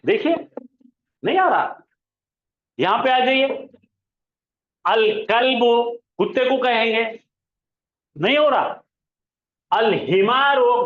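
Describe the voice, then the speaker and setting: A man teaching an Arabic grammar lesson, asking the class questions and answering them himself, and drawing out example words slowly. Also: very high voice. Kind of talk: classroom lesson explaining pronunciation. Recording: echoey room, slightly dull sound.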